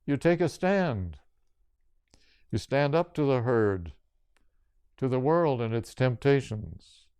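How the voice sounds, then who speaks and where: Older male yoga teacher giving a spiritual talk; slow, measured phrasing in short lists, crisp voice. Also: mid-range voice, very animated, a little mellow, no echo.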